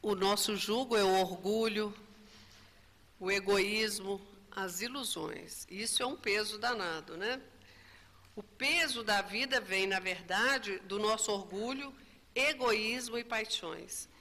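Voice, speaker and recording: A woman's voice: medium pitch, slow, pushed and bright. A woman giving a spiritist lecture, telling a story and often adding tag questions. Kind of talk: religious lecture. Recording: reverberant lecture hall.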